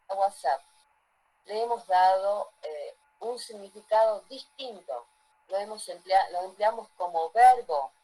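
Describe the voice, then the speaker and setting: A woman lectures a class, frequently stopping to ask the students whether they're following. Her voice is lowish and mellow, and the recording is rough.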